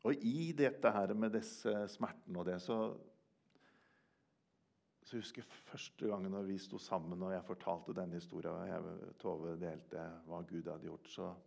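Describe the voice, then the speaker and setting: An older man preaching a sermon in a church, earnest, swinging from loud emphasis to hushed quiet. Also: low-pitched, steady tone, vocal fry. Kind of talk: sermon with personal testimony.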